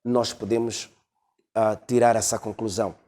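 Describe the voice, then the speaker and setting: A man preaching a sermon as pastor, pausing often on long drawn-out fillers. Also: on the low side, flat delivery, mellow. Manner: hesitant, many drawn-out fillers.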